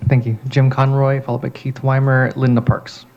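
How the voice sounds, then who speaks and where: Flat-voiced man calling speakers, dull audio. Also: mid-range voice, normal speed, vocal fry. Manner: brief and procedural. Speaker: meeting chair calling speakers.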